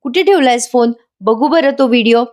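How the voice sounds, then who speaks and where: A woman doing a gently coaxing young husband. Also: fairly high pitch, a little fast, pitched above the performer's own voice, natural voice.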